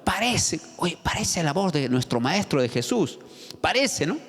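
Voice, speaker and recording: A man's voice: on the high side, big pitch swings, a little slow, a bit bright. A man, the pastor, preaching a sermon with dramatic storytelling and questions to the congregation. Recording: long church-hall reverb, faint music.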